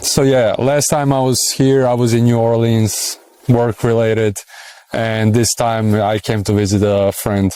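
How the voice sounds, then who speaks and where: A Serbian-accented man in his thirties talks casually, pausing often and filling gaps as he thinks aloud. His voice is smooth and resonant at a middling pitch. The sound is dry and close. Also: flat delivery, warm tone, no room sound. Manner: hesitant, many fillers, thinks aloud. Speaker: interviewee. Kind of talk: casual street interview.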